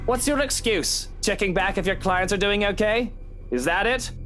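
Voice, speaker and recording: An actor playing a smug, condescending, wealthy mansion owner in a game. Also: male voice, sits high, moderate pace, pushed and bright, faint music behind. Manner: condescending, mocking.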